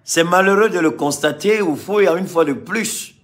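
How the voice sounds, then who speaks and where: A man from Mali giving impassioned political commentary to a live audience, repeating phrases for emphasis and swinging between loud and quiet. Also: high voice, moderate pace.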